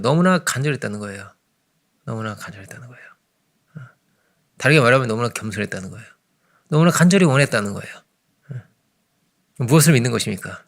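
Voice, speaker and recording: A man delivers an early morning sermon in a loose, talking style, keeps asking his listeners to agree, and drops suddenly from raised emphasis to hushed murmurs. His mid-pitched voice has a rough, gravelly edge. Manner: conversational preaching, frequent "그죠?" asides, sudden swings between loud and hushed. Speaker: pastor.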